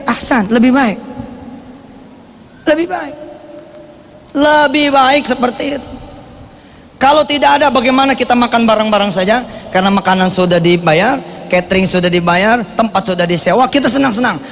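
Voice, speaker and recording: High-voiced man preaching in a hall. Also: fairly quick. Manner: animated preaching, voice rising and falling sharply, acting out quotes. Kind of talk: televised sermon. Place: large hall with a congregation. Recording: long hall reverb, faint noise.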